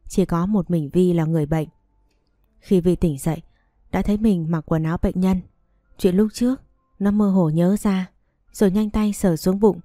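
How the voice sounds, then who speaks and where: A woman narrating a story in a steady, even reading voice. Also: lowish voice, no room sound, studio quality.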